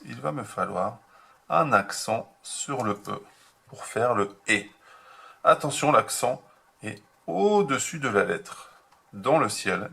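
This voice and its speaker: A man teaching a remote handwriting lesson to young children, slow and patient, spelling out each step. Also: fairly low pitch, vocal fry, bright, forceful tone, breathy edge. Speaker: kindergarten teacher.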